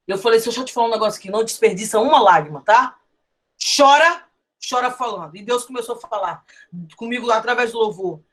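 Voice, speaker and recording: Brazilian woman preaching, high voice, tells stories and gets loud a lot. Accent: Brazilian Portuguese. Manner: emphatic, storytelling, often raises her voice. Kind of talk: sermon with testimony.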